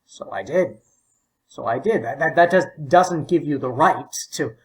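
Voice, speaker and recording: Man reading as a cranky old homeowner, stubborn, peevish, sputtering, fairly high voice. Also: animated, measured pace, rough recording. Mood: testy. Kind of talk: audiobook character voice.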